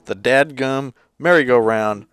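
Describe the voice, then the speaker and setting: A man giving casual, rambling gameplay commentary as a let's play host, with sudden loud outbursts and hiccups. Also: mid-range voice, unhurried, clear, resonant tone.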